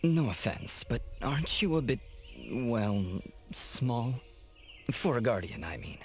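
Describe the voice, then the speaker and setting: A man's voice: medium pitch, very animated, takes it slowly, a little mellow, soft background music. A man playing an earnest, bewildered young warrior in a video game, polite and a little hesitant. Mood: puzzled, polite.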